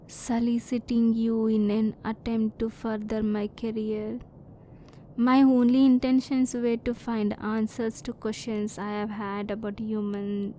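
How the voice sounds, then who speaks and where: In an ASMR roleplay, a woman plays a curious yet reserved alien scientist, speaking formally and precisely with measured restraint and an earnest mood. Her voice is fairly high and a little mellow, with a little hiss or hum in the background.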